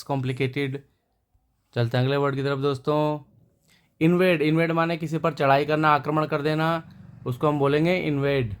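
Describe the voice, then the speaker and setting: Male vocabulary teacher, slightly high. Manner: steady teaching tone, repeats each word before its meaning. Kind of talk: explaining words and synonyms to viewers.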